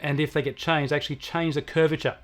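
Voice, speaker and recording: An Australian man, on as a technology expert guest, answers questions and explains things conversationally through everyday examples. He speaks quickly in a level tone, with a voice on the high side.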